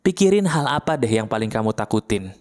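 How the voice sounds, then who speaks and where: A man giving a casual motivational talk. He fires rhetorical questions at the listener and acts out their objections in a higher voice. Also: animated, fairly quick, a little mellow. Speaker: motivational speaker.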